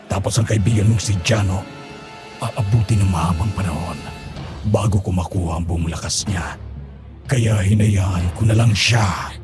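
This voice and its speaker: A man voicing a cruel, mocking male aswang in a horror audio drama, speaking slowly and gloatingly. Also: deep voice, close to an everyday voice. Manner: slow, gloating, taunting delivery. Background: music.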